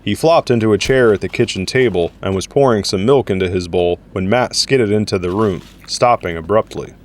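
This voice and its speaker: In a fairly low voice and at a slightly quick clip, a man reads a scripted third-person story with descriptive narration.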